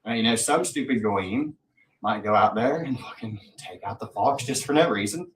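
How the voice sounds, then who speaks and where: A man with a fairly low, animated voice speaks at a moderate pace while hosting a livestream, rambling casually, boasting and swearing a lot. The recording sounds roomy, with a distant mic and faint noise.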